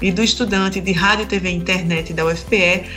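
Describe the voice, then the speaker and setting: A woman's voice: lowish voice, steady tone, fairly quick, a bit bright, soft background music. A woman presenting a radio programme from a script.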